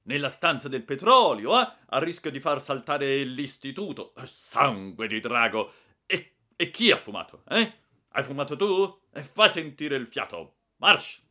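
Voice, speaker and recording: A man voicing an irate older male school director with a grey mustache, thundering and shouting orders. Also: medium pitch, big pitch swings, measured pace, voice pushed up, full character voice. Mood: furious shouting.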